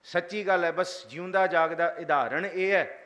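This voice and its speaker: A man preaching a sermon, slowly reciting verses and then explaining them, leading the congregation in chanting. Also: high voice, a bit bright, highs cut off. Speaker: Sikh preacher giving scripture commentary.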